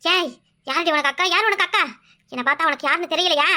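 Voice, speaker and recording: A woman voicing a bossy, devout village woman in a cartoon comedy, with a shrill scolding manner and a Kanyakumari Tamil accent. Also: quick pace, bright, forceful tone, full character voice. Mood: possessed, commanding.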